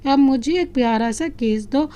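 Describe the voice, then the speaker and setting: A woman's voice: sits high, normal speed, mellow, close to an everyday voice. A woman voicing a loving, playful young husband who teases his wife affectionately, in a storybook reading. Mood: teasing. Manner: teasing, affectionate.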